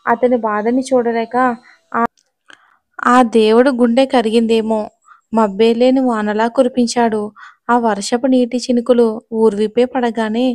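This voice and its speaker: Female narrator for a serialized audio story; measured and steady, fairly high, little pitch movement. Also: no room sound.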